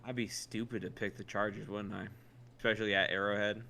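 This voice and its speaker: A man's voice: fairly low pitch, level tone, brisk, gravelly, sharp tone, a little hiss or hum. An American man co-hosting a podcast, talking sports in a casual, colloquial way and hedging as he goes.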